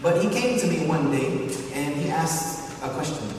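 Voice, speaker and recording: A man's voice: on the high side, expressive, moderate pace. A middle-aged man with a Southern American accent, telling his story as a religious lecture, emphatically repeating phrases for stress. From southern United States. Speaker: religious speaker. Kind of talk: autobiographical public lecture. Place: large reverberant hall before an audience. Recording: echoey hall, distant mic, background noise.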